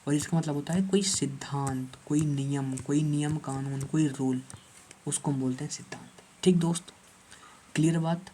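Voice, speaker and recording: A man's voice: fairly high pitch, fairly even intonation, moderate pace, warm tone, a little hiss or hum. A male English teacher giving an online exam-prep lecture, who repeats key words and keeps asking the class rhetorical questions.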